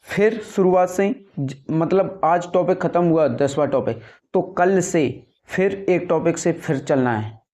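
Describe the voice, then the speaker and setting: A man's voice: a little high, darkish tone. A young man giving earnest, repetitive advice to viewers about preparing for an exam, speaking casually to the camera. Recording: dull lo-fi sound.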